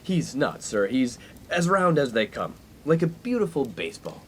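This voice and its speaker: In a 1950s comedic radio play, a male actor with a medium-pitched, slightly bright voice plays a pompous, skirt-chasing young college man prone to grandiose, wordy speeches. He speaks at normal speed with big pitch swings and an obsequious mood, over a little hiss or hum.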